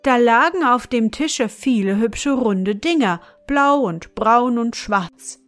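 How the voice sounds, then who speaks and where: A woman reading a fairy tale aloud in a measured, softly dramatic way. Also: a little high, lively intonation, faint music behind. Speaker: storyteller.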